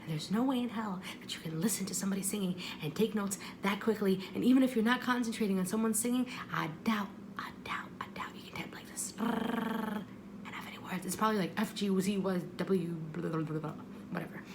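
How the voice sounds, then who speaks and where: Her voice mid-range and her pace brisk, this woman vlogger tells a first-person story loosely and expressively, with self-deprecating, apologetic remarks. Background noise runs through the homemade-sounding recording.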